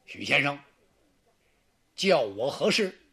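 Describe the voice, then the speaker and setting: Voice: medium pitch, very animated, slow pace, creaky, bright, forceful tone, slightly rough, voice pushed down, heavily acted. A storyteller voicing a hot-tempered, burly male general in a traditional tale, blunt and angry. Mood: stiff.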